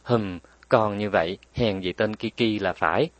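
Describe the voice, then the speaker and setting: A man voicing a tender but firm mother who explains patiently and scolds gently, in a raised voice. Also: fairly low pitch, a little slow, no echo, close to an everyday voice.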